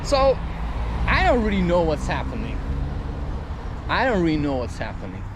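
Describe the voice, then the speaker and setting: Over background noise, a man with a voice on the high side and huge swings in pitch talks at a moderate pace. He is a vlogger and podcaster musing through an open, meandering personal monologue, frequently checking himself with tag questions to invite agreement.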